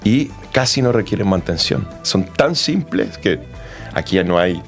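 A man's voice: low-pitched, animated, measured pace, soft background music. A man from Argentina with an Argentine accent, a company manager chatting as a guest in an interview, friendly and full of restarts. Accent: Argentine Spanish. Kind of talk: casual interview answers.

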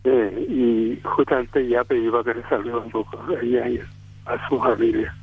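A man's voice: medium pitch, little pitch movement, breathy edge. Man over a tinny speakerphone. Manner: measured, formal delivery with hesitations. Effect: phone line on speakerphone. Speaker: radio contributor calling in. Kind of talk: on-air cultural segment and poetry recital. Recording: dry, tinny phone line.

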